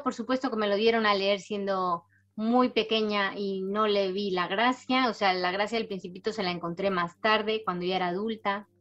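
A woman's voice: mid-range voice, dull audio. Middle-aged woman with a mixed Spanish accent. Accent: mixed Latin American and Spanish. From Spain, raised in Panama. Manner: warm storytelling, thoughtful, frequent tag questions. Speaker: writer, interview guest. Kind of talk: reflective interview answers.

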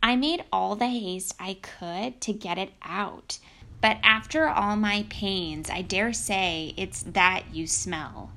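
A woman plays a young storybook princess in a cartoon princess manner. She speaks sweetly and artfully, coaxing with unhurried words. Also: medium pitch, sharp tone.

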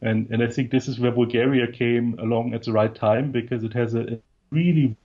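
Man from munich, casual interview guest, relaxed rambling talk, muffled lo-fi sound. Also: mid-range voice, fairly quick. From Munich, Germany. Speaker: co-working space founder, guest.

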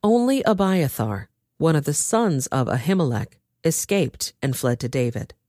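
A woman reading a Bible story aloud with expressive storytelling. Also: low-pitched, normal speed, no room sound, clean studio sound. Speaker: scripture reader.

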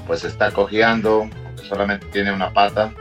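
A man telling a riddle joke in a deadpan voice message. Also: on the low side, normal speed, over music.

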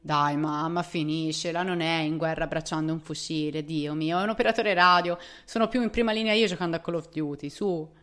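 Woman playing a teasing young man, brash, mocking, a bit higher and louder than her low voice. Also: fast talker, soft background music. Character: teasing adult younger brother, joking and irreverent.

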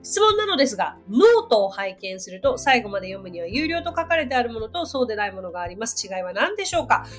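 A woman's voice: on the high side, big pitch swings, quick pace, hardly any pauses, soft background music. A woman hosting a podcast English lesson, chatty and friendly, with laughs between her explanations.

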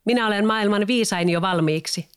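A man's voice: sits high, clean tone, pitched above the performer's own voice, natural voice. Man doing a whiny wooden puppet boy. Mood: cheeky. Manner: whiny, boastful. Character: wooden puppet boy, cheeky, lazy, fibbing.

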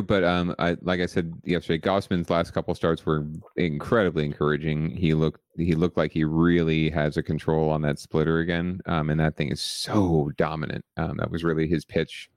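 Deep-voiced man in casual sports chat. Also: no room sound, clean studio sound. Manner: conversational, many fillers and restarts, wry humor. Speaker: podcast co-host.

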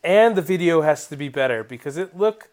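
Teasing, slightly high-voiced man. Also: a little fast. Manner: teasing, animated storytelling. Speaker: podcast co-host. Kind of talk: casual sports chat.

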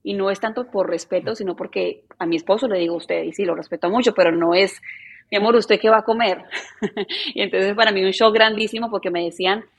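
A woman in her thirties from Colombia, with a softened Colombian accent blended with neutral Spanish, chatting easily as a journalist guest in an interview. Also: medium pitch, a little fast. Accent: softened Colombian, mixed with neutral Spanish. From Medellín, Colombia. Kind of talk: casual interview chat.

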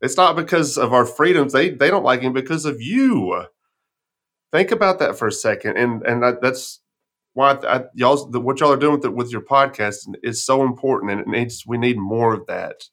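A man's voice: mid-range voice, expressive, moderate pace, a bit bright. A man with a folksy West Texas twang, talking casually and telling personal stories as a podcast host. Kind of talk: casual conversation, personal storytelling.

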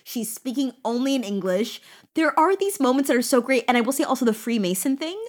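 A woman co-hosting a casual book podcast, animated and swearing freely as she acts out quotes from the story. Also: sits high, a little fast. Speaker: podcast co-host.

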